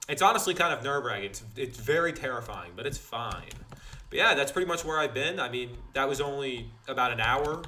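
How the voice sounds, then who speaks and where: A man's voice: sharp tone, slight background noise. A teenage boy telling a story for his vlog in a rambling, casual way, full of fillers and restarts. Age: teens. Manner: acts out dialogue with big pitch jumps. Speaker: vlogger.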